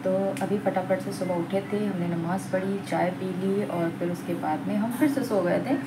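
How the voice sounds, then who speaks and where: A woman's voice: mid-range voice, steady tone, normal speed, very noisy. A young woman narrating a casual home vlog, chatty and homely, talking straight to her viewers. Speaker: vlogger.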